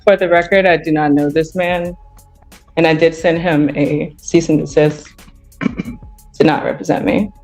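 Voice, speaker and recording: A woman speaking as a defendant, halting and insistent, in a courtroom recording. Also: deep voice, fairly even intonation, darkish tone, soft background music, low-quality recording.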